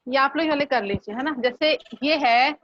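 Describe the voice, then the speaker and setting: A woman teacher giving a slow, patient online lesson, asking her students questions. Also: sits high, noisy background. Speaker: Hindi teacher. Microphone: video call. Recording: muffled online class audio.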